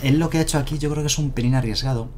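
With a mid-range voice and a dark tone, a man in his thirties from Madrid fires off rapid commentary over slight background noise. He has a Madrid Spanish accent and streams a card game from a room at home on a headset mic, thinking aloud in a casual way with self-mocking chuckles.

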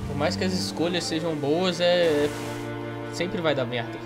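Higher-voiced Brazilian man doing game commentary. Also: moderate pace, over loud music. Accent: Brazilian Portuguese. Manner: informal, slangy. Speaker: gamer commenting on a playthrough. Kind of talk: casual let's play commentary.

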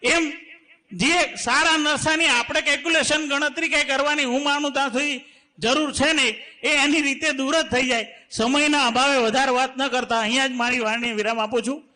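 A man's voice: very high voice, fairly even intonation, normal speed, bright, forceful tone. A man giving a devotional sermon at a spiritual gathering, telling folk parables and quoting verses of saint poets in an earnest, exhorting tone. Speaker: spiritual speaker at a satsang.

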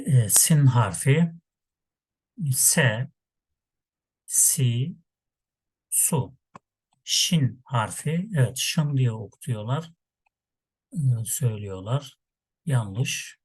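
A man teaching a Quran reading lesson, slowly sounding out letters and syllables in patient repetition. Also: mid-range voice, expressive, a little mellow, breathy edge, dry recording.

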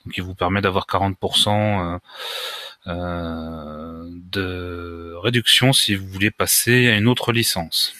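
A man explaining software step by step in a screen-recorded tutorial, talking casually and hesitantly with many pauses and restarts. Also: low-pitched, no room sound, studio quality. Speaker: WordPress tutorial maker.

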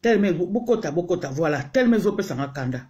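A man's voice: high voice, lively intonation, very fast, a little mellow. A Congolese man hosting a casual live stream, greeting viewers one by one in a heated, repetitive way. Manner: mixes French and Lingala, heated. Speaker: livestream host.

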